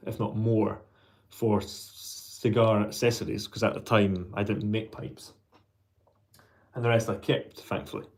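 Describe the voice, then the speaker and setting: A man with a fairly low voice talks casually to his viewers as a hobbyist pipe maker. He speaks haltingly, thinking aloud and doubling back on words as he goes. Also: darkish tone. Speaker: pipe maker hosting a vlog. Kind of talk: casual, rambling hobby vlog chat.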